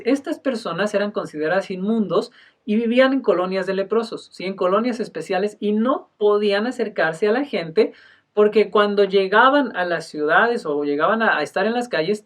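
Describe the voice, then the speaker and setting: A male pastor giving a sermon, emphatic, moving between loud and soft delivery and often clearing his throat. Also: high-pitched, far from the mic.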